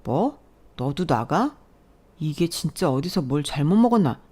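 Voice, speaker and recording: A woman's voice: low-pitched, expressive, normal speed, a little mellow. A woman voicing an arrogant, hot-tempered husband who sneers and threatens in a story reading. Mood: contemptuous.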